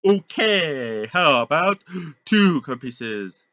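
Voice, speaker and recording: A man's voice: big pitch swings, slow pace, bright, forceful tone, dry recording, muffled recording, exaggerated voice. Aang, a cheeky boy, as a man puts him on. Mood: playful. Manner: high put-on playful voice. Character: young cheeky boy monk haggling playfully.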